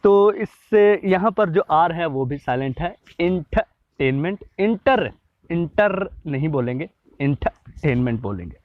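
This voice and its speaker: A man's voice: on the high side, expressive, no room sound. Man teaching pronunciation, lo-fi audio. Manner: slows to sound out example words. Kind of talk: explanatory lesson. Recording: dull lo-fi audio.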